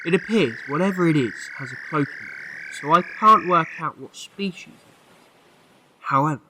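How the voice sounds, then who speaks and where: A man acting an eccentric, excitable alien time traveller in a fan audio drama, theatrical, exclamatory and wordy. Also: on the high side, normal speed, slight background noise, poor audio. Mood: brisk, explanatory.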